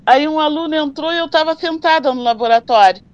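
An older woman, who tells her memories as lively stories in an interview. The sound is dry and a little dull, with no room around her. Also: high voice, brisk, no room sound. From southern Brazil. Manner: animated storyteller who acts out dialogues. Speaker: interviewee recalling her working life. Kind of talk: oral history interview. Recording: slightly dull, dry recording.

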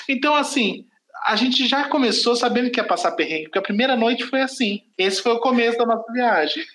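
A Brazilian man with a notably high voice tells a story on a casual podcast. He rambles, trips over his words and corrects himself as he goes. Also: animated, normal speed, sharp tone, reverberant, rough recording. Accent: Brazilian Portuguese. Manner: rambling, self-correcting, laughs at own story. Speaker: podcast host.

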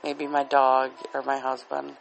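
A man's voice: mid-range voice, monotone, unhurried, vocal fry, low-quality recording. A man with a dry throat rambling casually and candidly as a solo podcast host, often putting himself down. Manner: candid and self-deprecating. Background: soft relaxing music.

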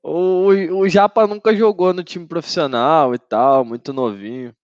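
A man's voice: fairly high pitch, normal speed, no room sound. A man with a Brazilian Portuguese accent chatting casually and in slang on a football podcast, recorded with dull, lo-fi sound. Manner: slangy, conversational. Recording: dull, lo-fi microphone audio.

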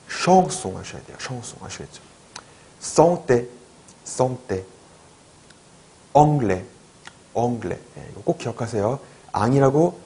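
A man's voice: lowish voice, warm tone. Patient man teaching French sounds. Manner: patient, repeats words slowly for drills; checks understanding with short questions. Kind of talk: video language lecture.

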